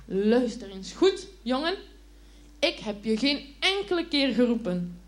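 A woman voicing the old priest Eli in a children's Bible story, speaking in a drowsy, calm and fatherly way. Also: fairly high pitch, unhurried. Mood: sleepy, gentle. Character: sleepy old male priest Eli, gentle and kind.

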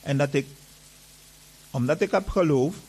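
A man's voice: on the high side, a little slow, a little mellow, husky, rough recording. A man giving an earnest personal testimony to an audience, retelling events with lots of reported dialogue.

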